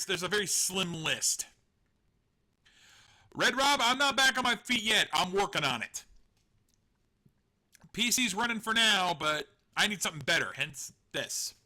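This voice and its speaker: A man with a high, pushed, bright voice hosts a live stream, chatting casually and rambling. He jokes at his own expense, laughs often, and swears now and then.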